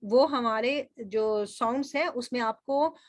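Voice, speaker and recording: High-voiced woman teaching a lecture. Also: slow, dry recording, clean studio sound. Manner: explanatory, asks rhetorical questions, directs students to underline. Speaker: linguistics teacher. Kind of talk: recorded lecture.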